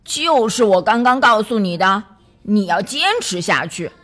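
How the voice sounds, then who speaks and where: A woman's voice: medium pitch, lively intonation, measured pace, fairly bright tone. A woman voicing a serious, fatherly male creature who speaks in a firm, earnest, encouraging way.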